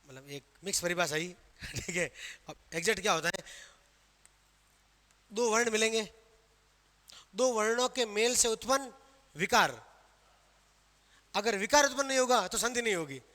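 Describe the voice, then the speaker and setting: Male grammar teacher, high voice, Rajasthani Hindi accent, self-quizzing lecture style. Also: expressive, moderate pace, pauses often, bright, forceful tone. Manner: quizzing students with questions he answers himself. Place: classroom. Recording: long reverb of a hall.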